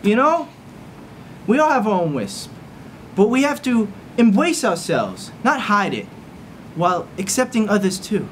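A man's voice: sits high, big pitch swings, a little hiss or hum. An actor playing a timid young male journalist with a lisp who stammers and restarts his sentences in a short film. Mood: earnest. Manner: stammering, halting speech. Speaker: temporary office boss. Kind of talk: student short-film acting.

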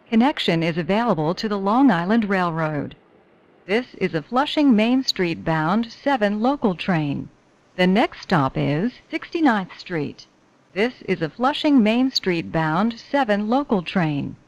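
Woman making slow, lively-pitched subway announcements. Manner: measured, formulaic delivery. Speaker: train announcer. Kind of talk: scripted subway station announcements.

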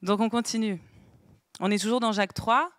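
A woman's voice: fairly high pitch, fairly even intonation, moderate pace, dry recording. Woman teaching a small Bible group. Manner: asks the group questions, writes on a board. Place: meeting room with a small group.

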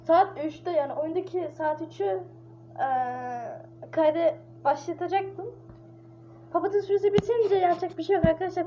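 A woman's voice: very high-pitched, mellow. A woman playing a horror game with casual, panicky commentary, exclaiming and chattering as she plays. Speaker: gamer. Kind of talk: casual let's-play commentary. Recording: dull lo-fi mic with clear hiss.

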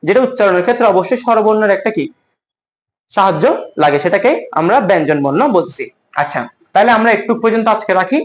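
A man's voice: high voice, lively intonation. A young man teaching a lecture, asking questions and answering them himself. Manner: repeats key words slowly for emphasis. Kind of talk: classroom lecture.

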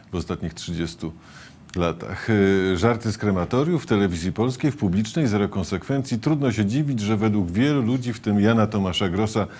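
A middle-aged man hosting a political TV interview in a studio, asking measured, probing questions. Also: lowish voice, darkish tone. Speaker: TV interview host.

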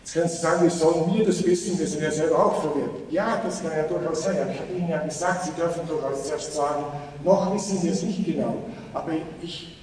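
A man's voice: a little high, fast talker, darkish tone. Male keynote speaker, earnest and persuasive, long-reverb hall with faint background noise. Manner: earnest, persuasive, with rhetorical questions to the audience. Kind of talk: conference keynote talk. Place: large conference hall. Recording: echoey hall, voice from far off.

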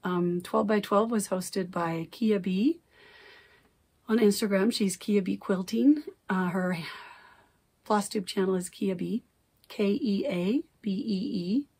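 Speaking slowly in a husky, darkish, mid-range voice, a middle-aged woman records a casual cross-stitch vlog indoors in her craft room. Her voice is still coming back after she lost it, and she rambles chattily, often correcting herself. The camera sits at desk distance.

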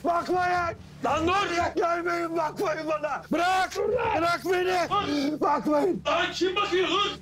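An actor playing a tough young street leader, barking gruff orders during a chaotic struggle. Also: male voice, extremely high pitch, fairly even intonation, slow pace, shouting, a loud crowd. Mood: shouting.

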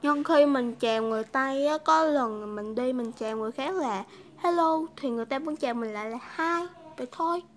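A woman's voice: high voice, brisk, a little hiss or hum. A woman from Vietnam hosting a casual English lesson, chatty and repeating phrases for learners. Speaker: English teacher, video host.

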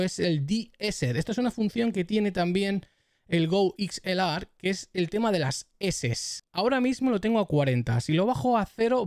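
A man's voice: high voice, dry recording. A man giving a casual tutorial on microphone settings, chatting with his viewers and doing test phrases into a close studio mic. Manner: chatty, addresses viewers as "chavales" and "familia". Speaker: tech YouTuber giving mic setup tips. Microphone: close studio dynamic microphone.

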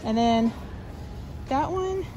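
A woman's voice: high voice, lively intonation, takes it slowly, mellow, dull audio, a little hiss or hum. A woman vlogging casually while shopping in a large clothing store, upbeat and chatty with lots of fillers. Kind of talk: casual shop-with-me narration.

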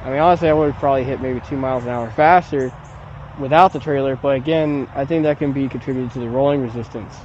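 A man's voice: mid-range voice, fast, darkish tone, muffled recording, a little hiss or hum. A man in his thirties talking casually to a camera outdoors on a lawn, rambling in a plain-spoken way about a bike ride. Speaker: velomobile vlogger. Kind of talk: casual review talk to camera. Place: outdoors on a lawn beside a building.

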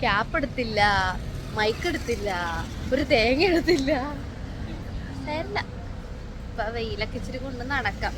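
A woman's voice: on the high side, brisk, background noise. A Malayali woman chatting casually to camera as a travel vlogger, mixing English words into her Malayalam. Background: music, outdoor street and vehicle sounds.

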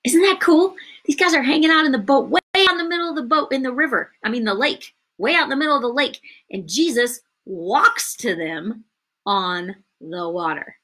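A woman teaching a Bible story to children, animated and asking them questions as she goes. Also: fairly high pitch, fairly quick. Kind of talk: Bible story lesson for kids.

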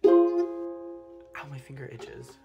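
A man's voice: very high voice, huge pitch swings, drawn-out words, muffled recording, loud music behind the voice. A man vlogging in a casual, rambling and self-mocking way, giggling and getting distracted. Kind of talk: casual vlog chat.

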